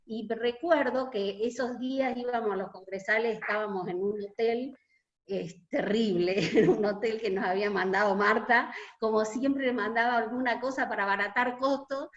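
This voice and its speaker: A woman with an Argentine accent, a union delegate, earnestly recalling a protest march in an online meeting. She pauses often and fills gaps as she talks. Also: a little high, fairly even intonation, dull audio. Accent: Argentine Spanish. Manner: hesitant, many filler pauses, earnest. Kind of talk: reminiscing testimony in an online meeting.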